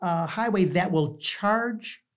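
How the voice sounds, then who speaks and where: A host talks casually at a middling pitch. The delivery rambles along like informal storytelling between friends. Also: slow. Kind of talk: casual chat.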